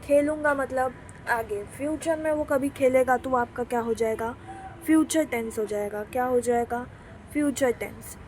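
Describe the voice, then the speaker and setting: A woman teaching an English grammar lesson who keeps turning her points into rhetorical questions for the class and reads example sentences slowly. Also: high voice, slight background noise.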